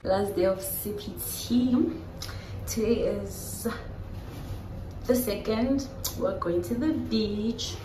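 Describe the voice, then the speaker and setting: A woman's voice: mid-range voice, slow, warm tone, roomy sound, slight background noise, rough recording. A woman in her twenties from South Africa, vlogging casually to a phone held at arm's length and chatting to her viewers. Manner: chatty, playful, addresses viewers as guys. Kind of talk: casual vlog chat to camera. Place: hotel lift and rooms, indoors.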